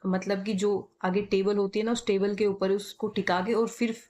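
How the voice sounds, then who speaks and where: A woman's voice: mid-range voice, level tone, darkish tone. A woman with a North Indian Hindi accent teaching typing in a casual spoken tutorial, repeating her points and checking in often. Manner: repetitive, checks in with "ठीक है"; spells letters out slowly.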